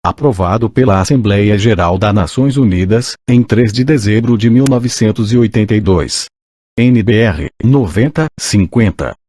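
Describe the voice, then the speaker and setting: A synthesized male voice with a Brazilian accent, like an old speech synthesizer, reading an audiobook in a mechanical, measured way. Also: on the low side, a little mellow, dry recording. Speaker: audiobook narrator. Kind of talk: scripted audiobook reading of a list of laws and credits.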